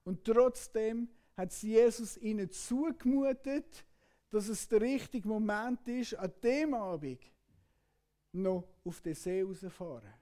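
High-voiced preacher retelling dramatically. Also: male voice, takes it slowly. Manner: dramatic storyteller, swings between loud outbursts and hushed passages. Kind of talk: sermon with imaginative retelling.

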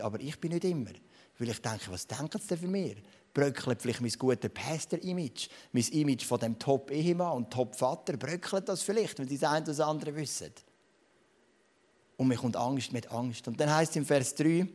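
A man's voice: medium pitch, darkish tone. A man in his thirties with a Swiss German accent, a pastor giving a personal, conversational sermon and mixing in English words.

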